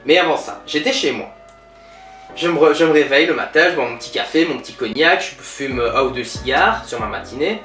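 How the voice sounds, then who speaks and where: A pompous, self-satisfied billionaire , played by a man, bragging in a lively, bouncy voice pitched a bit high. He sounds roomy and distant, with faint music in the background. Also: fairly quick. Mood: boastful. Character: boastful, pompous male billionaire entrepreneur. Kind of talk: comedy sketch interview.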